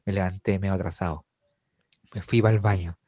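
A young Chilean man telling a story in a casual chat, animated, laughing and full of slang. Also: low-pitched, moderate pace, no room sound, clean studio sound. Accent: Chilean Spanish.

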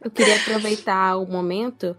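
A woman's voice: mid-range voice, fairly even intonation, moderate pace, a bit bright, no echo. A woman with a Brazilian accent hosting a casual podcast chat, rambling through her points with many fillers. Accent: Brazilian Portuguese. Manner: meandering, frequent fillers like "tipo" and "né". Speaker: podcast host.

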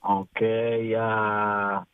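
A man's voice: fairly low pitch, little pitch movement, slight background noise. Man calling in from his car on a tinny phone line. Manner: hesitant, pausing to search for names. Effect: speaking on the phone from a moving car. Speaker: radio show caller.

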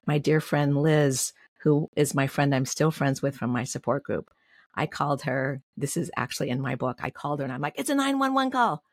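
A woman's voice: sits low, a little mellow, breathy edge, no echo, studio quality. A woman in her sixties, a podcast guest, telling a personal story candidly and heartfelt, with light laughs. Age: 60s.

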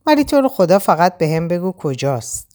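A woman's voice: fairly low pitch, big pitch swings, mellow, pitched above the performer's own voice. A woman voicing a remorseful young woman who pleads and weeps in a storybook. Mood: pleading. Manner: pleading, tearful.

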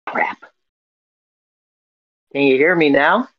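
A man co-hosting a casual podcast over a video call, reading out news headlines in a halting way full of fillers and self-corrections while his audio breaks up. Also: a little high, no echo. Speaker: podcast co-host. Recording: dull, muffled call audio.

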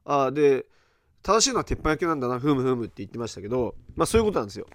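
A man's voice: medium pitch, rapid-fire. A middle-aged man hosting a podcast, chatting casually and telling a story in a loose, rambling way, with many fillers and acted-out reactions. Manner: animated storytelling, acting out others' reactions. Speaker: podcast host.

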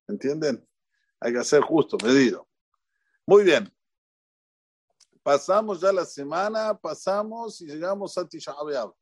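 A rabbi's relaxed Torah talk in a synagogue comes across in a slightly high voice, spoken slowly with frequent pauses and no echo. He has an Argentine Spanish accent and is playful and animated. He asks the audience questions and repeats ideas to drive them home.

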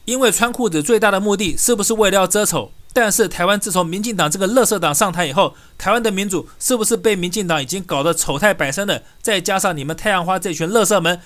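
A man's voice: high voice, fast, hardly any pauses, fairly bright tone. A man delivering a scornful political rant, firing off insulting rhetorical questions. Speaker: political commentator. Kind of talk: ranting political commentary.

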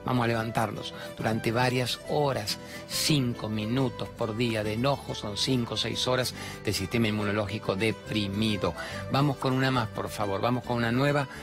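An older man with an Argentine accent hosts a motivational talk show. He preaches in an animated way and slips into characters while telling stories. Soft music plays beneath his voice. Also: medium pitch, moderate pace. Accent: Argentine Spanish. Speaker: self-help radio host.

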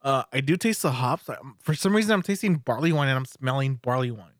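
A man's voice: mid-range voice, lively intonation, fast, no echo, studio quality. A man co-hosting a podcast, teasing his friend and swearing casually while tasting beer. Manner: profane, teasing, laughs a lot. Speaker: podcast co-host.

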